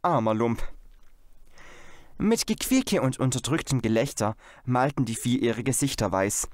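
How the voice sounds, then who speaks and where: Expressive male audiobook narrator. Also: medium pitch, a little slow, no echo. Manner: expressive storytelling. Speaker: audiobook reader. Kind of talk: scripted narration.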